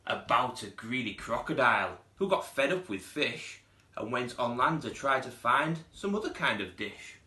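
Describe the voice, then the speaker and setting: A man's voice: mid-range voice, normal speed, reverberant. A man, a primary school teacher reading a children's storybook aloud expressively. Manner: expressive, putting on character voices.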